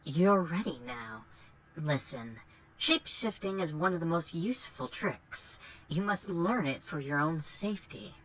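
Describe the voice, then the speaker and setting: A woman voicing a knowing, encouraging witch mentor in a game, speaking in a measured, theatrical way. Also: deep voice, expressive, slight background noise, rough recording.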